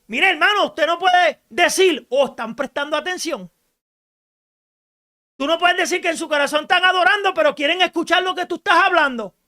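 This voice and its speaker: A woman preaching a radio sermon in an emphatic style, rising to shouts and asking rhetorical questions. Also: extremely high pitch, brisk, hardly any pauses.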